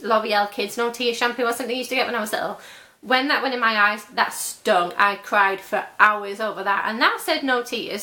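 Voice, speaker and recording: A woman's voice: fairly high pitch, sharp tone. A young woman reviewing beauty products in a chatty, gushing vlog while losing her voice. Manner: chatty and gushing, many fillers. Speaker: beauty vlogger.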